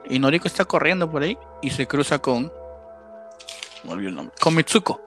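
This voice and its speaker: A man's voice: a little high, big pitch swings, a little fast, a bit bright, faint music behind. A man, co-hosting a casual podcast and retelling a film plot step by step.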